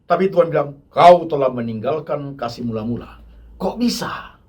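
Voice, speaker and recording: Emphatic husky-voiced male pastor preaching. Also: lively intonation, moderate pace. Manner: rhetorical questions, emphatic swings between loud high bursts and low quiet asides; addresses the congregation repeatedly. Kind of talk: sermon.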